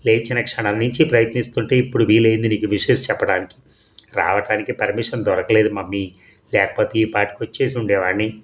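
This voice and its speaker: A man's voice: fairly low pitch, fairly even intonation, quick pace, natural voice. A man reading the lines of a chatty teenage son telling his mother about hostel life. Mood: cheerful.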